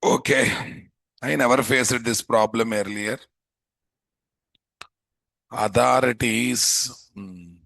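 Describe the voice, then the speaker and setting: A man with a Telugu Indian accent teaching a live software class, informally thinking aloud and repeatedly putting questions to students. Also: medium pitch, steady tone, takes it slowly, creaky, pauses often, no echo. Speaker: programming instructor.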